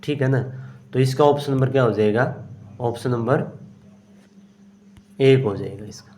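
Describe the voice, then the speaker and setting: A man's voice: medium pitch, warm tone, a little hiss or hum. A man teaching exam-prep grammar, working through each question aloud and answering his own questions. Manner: explains step by step, asks and answers himself; slow and unhurried, often says "okay". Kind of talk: solving a grammar test aloud.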